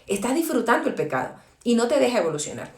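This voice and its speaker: A woman's voice: a little high, sing-song, fast talker, echoey room. A woman giving an earnest devotional talk as a preacher, acting out prayers and self-pity in quotes.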